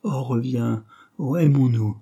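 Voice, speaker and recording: A man's voice: medium pitch, normal speed, warm tone, husky, pitched above the performer's own voice, natural voice. A man voicing a fervent, pleading young woman. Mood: pleading passionately. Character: passionate young woman, desperate lover. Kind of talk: audiobook character reading.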